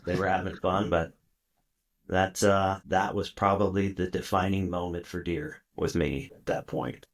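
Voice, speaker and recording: A middle-aged man from South Texas speaks as a podcast guest. His voice sits very low. He tells his stories in a loose, rambling way, full of fillers and restarts. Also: fairly even intonation, a little slow. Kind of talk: casual storytelling interview.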